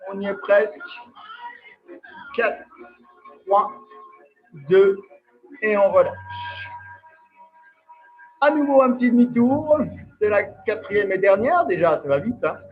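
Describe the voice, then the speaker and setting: Guy coaching an online workout, high voice, counts down reps, muffled lo-fi call audio w faint music behind. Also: expressive, takes it slowly, long pauses. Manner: counts down reps, coaxing and upbeat. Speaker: fitness coach. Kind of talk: live online workout class. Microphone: video call. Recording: dull lo-fi video call audio.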